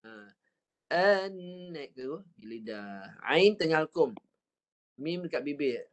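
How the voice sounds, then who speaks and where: Slow, patient Malaysian Quran teacher, man. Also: medium pitch, expressive. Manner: slow, patient drilling with counting and model recitation; stretches out Arabic sounds when demonstrating. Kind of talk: online Quran reading lesson.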